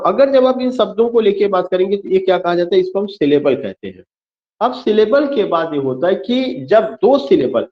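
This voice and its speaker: A male teacher with a slightly high voice lectures a class, repeating each key term and spelling words letter by letter. He poses questions and answers them himself, slipping English phrases into his explanations. The recording sounds dull and lo-fi. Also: roomy sound.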